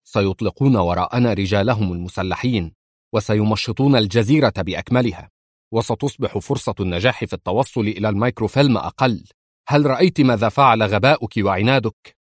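A man's voice: fairly low pitch, fast talker, dry recording, studio quality, lightly acted. A man voicing a stern male commando officer who speaks coldly and sharply to his subordinate in an audiobook. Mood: scolding.

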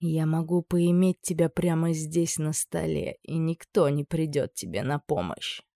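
A menacing older high judge, as a reader puts him on, drawling each threat slowly and in a lowered voice. He sounds cruel and amused, like a villain in a spoken storybook. The recording is dry and close. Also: gravelly, warm tone, dry recording. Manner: slow, purring, low threats.

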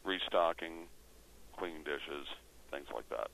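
Guy doing a deep mumbly worker dude, quiet, wants to get back to work. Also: takes it slowly, vocal fry, exaggerated voice, poor audio. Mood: mumbling. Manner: flat, mumbled short replies. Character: mumbling low-voiced male worker, tired and evasive.

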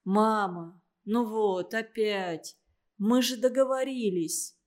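A woman's voice: mid-range voice, takes it slowly, darkish tone, natural voice. A woman reading an audiobook, voicing a weary teenage son pleading with his mother. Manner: tired, then cries out.

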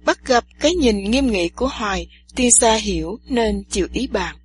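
A woman narrating a story gently and evenly. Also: on the high side, expressive, moderate pace, a little hiss or hum.

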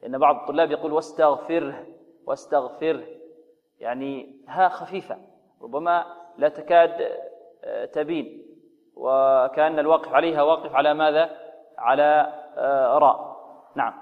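A man teaching Quran recitation rules, explaining slowly, asking rhetorical questions and modeling recited examples. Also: fairly high pitch, big-room sound, phone-quality sound. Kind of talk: tajweed lesson with recited examples.

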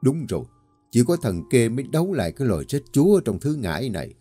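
A man voicing a grave, commanding old male folk exorcist, speaking slowly and with weight. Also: mid-range voice, sing-song, mellow, husky, faint music behind. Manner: slow, weighty, authoritative.

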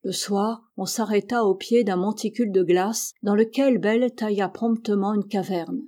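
Mellow-voiced woman reading an audiobook. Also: mid-range voice, moderate pace. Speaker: audiobook reader. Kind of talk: audiobook narration.

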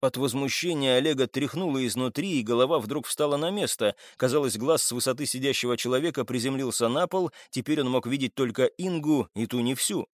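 A man narrating an audiobook in an expressive, scripted reading on a close mic. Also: mid-range voice, brisk, few pauses, no room sound.

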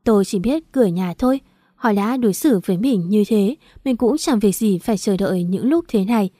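A woman's voice: mid-range voice, brisk, no room sound, studio quality. A woman narrating a first-person audiobook story in an earnest, bitter tone. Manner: earnest, bitter, steady reading.

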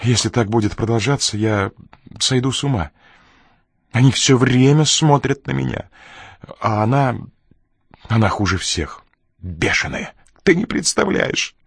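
A man's voice: expressive, unhurried, gravelly, pauses often, husky, dry recording, exaggerated voice. A man voicing a frightened, nervous man in an audiobook, pleading and close to tears. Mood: desperate. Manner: shrill, pleading, frantic outbursts.

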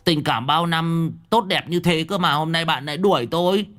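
A man's voice: medium pitch, big pitch swings, measured pace, faint music behind, voice pushed up. A man doing a rowdy drunken neighbor. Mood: whiny. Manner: loud, nagging, slurring banter.

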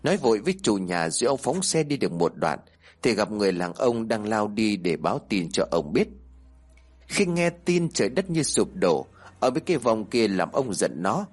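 A man narrating a horror story and voicing its characters. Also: lowish voice. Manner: animated storytelling with voiced characters.

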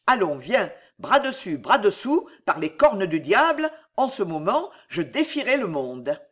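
A reader voicing an old, blunt soldier father in an audiobook, with gruff, loud oaths. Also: medium pitch, very animated, measured pace. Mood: jubilant. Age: older. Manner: gruff, exclamatory, full of oaths. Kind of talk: audiobook reading.

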